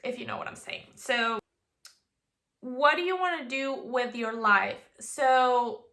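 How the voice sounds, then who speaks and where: Bubbly Venezuelan woman, bright gravelly voice. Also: fairly high pitch, expressive, takes it slowly. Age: 20s. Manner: bubbly and chatty, with playful asides. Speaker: vlogger. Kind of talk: casual chat to camera.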